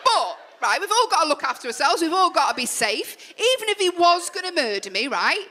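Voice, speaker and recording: A young woman with a Mancunian accent performing a live stand-up comedy set on a club stage, chatty and full of quick asides, with the audience laughing. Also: very high voice, sing-song, bright, forceful tone. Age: young adult. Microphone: stage microphone.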